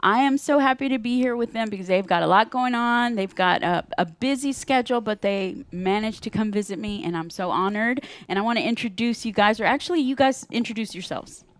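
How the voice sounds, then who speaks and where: A woman's voice: a little high, a little fast, hardly any pauses, no room sound. A woman hosting a radio interview show from a studio, upbeat and chatty, laughing easily with her guests.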